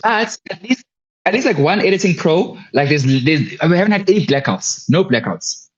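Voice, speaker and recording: A man around thirty, co-hosting a casual TV review chat, animated and joking. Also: a little high, moderate pace, breathy edge. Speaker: co-host of a TV review show. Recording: dull lo-fi mic.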